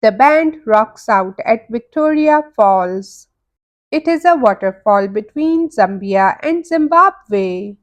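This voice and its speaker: Female storybook narrator, high and animated, extremely unhurried delivery for small children. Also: lo-fi sound. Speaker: children's read-aloud narrator.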